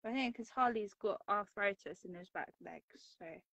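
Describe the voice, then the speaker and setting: A woman's voice: medium pitch, moderate pace, vocal fry, a bit bright, no room sound. A woman chatting casually while colouring on a livestream, laughing often between remarks. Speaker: livestream co-host. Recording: dull, dry lo-fi livestream audio.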